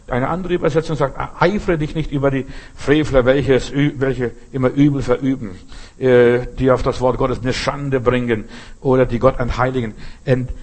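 An older man with a medium-pitched, darkish voice preaches a sermon in an emphatic, conversational style. He often checks that listeners are following, asking "verstehst?"

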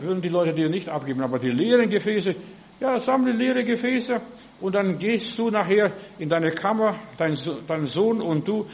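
A man's voice: high voice, a little mellow, highs cut off, slight background noise. A male preacher giving a sermon, peppering his talk with "ja" and asking his listeners direct questions. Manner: acts out biblical voices in quotes.

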